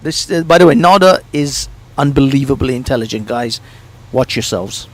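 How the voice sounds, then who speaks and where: A man hosting a casual online panel chat, his voice coming through a distorted, clipping microphone as he moderates in a quick, hurried way. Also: mid-range voice, animated. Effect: distorted, clipping mic. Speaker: panel host.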